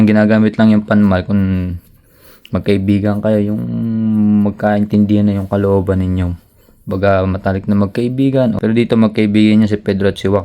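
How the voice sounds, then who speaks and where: A man's voice: fairly low pitch, clear, resonant tone, lo-fi sound. A man giving a casual, joking grammar lesson, switching between languages to read out example sentences. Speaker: language teacher.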